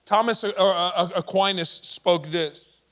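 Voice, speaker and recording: A man's voice: high-pitched, slow, fairly bright tone. A male pastor preaching a sermon in a conversational way, with casual asides and repeated words. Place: church service.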